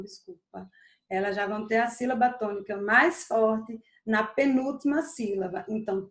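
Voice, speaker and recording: Woman teaching grammar, high voice, drags out syllables for emphasis, echoey room. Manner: stretches stressed syllables, slow emphatic repetition. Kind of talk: recorded grammar lesson.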